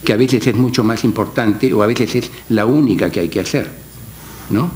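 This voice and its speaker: A man's voice: fairly low pitch, normal speed, darkish tone, slight background noise. A man speaking as a panelist at an academic conference, explaining his point with tag questions and fillers.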